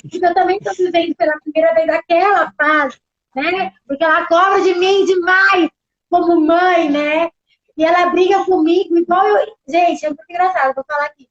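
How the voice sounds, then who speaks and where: Chatty high-voiced Brazilian woman pastor. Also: normal speed, muffled recording. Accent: Brazilian Portuguese. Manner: chatty, tag questions, animated quoting. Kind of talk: casual church talk.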